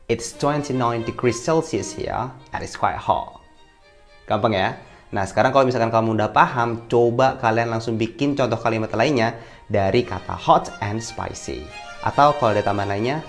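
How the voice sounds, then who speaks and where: A man giving a casual English lesson, slowing down to say each example sentence clearly. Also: lowish voice. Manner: chatty, slows down to spell out example sentences. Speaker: English teacher. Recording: faint music underneath.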